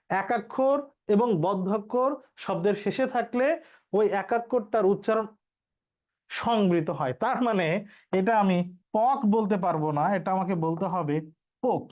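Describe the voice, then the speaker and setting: A man's voice: high voice, a little mellow. A male teacher, explaining pronunciation rules step by step and repeating each key point for his students. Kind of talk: online exam-prep lesson.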